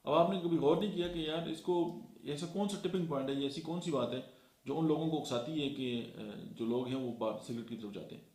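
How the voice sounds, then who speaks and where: Man from Pakistan, motivational speaker, fairly high voice, echoey room, lecturing with fillers. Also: fairly quick, a little mellow. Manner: lecturing, counts points off one by one with many fillers. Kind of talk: motivational talk.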